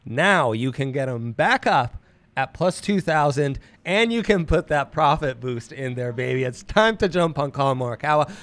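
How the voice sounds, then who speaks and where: A man's voice: mid-range voice, lively intonation, moderate pace, a bit bright, dry recording. A man co-hosting a sports betting show with casual, playful, jokey banter.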